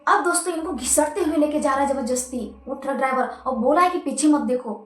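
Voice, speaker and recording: A woman tells a horror story casually, chatting to her listeners as friends. Her voice is high and lively with suspense. The room around her is echoey. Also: fast talker.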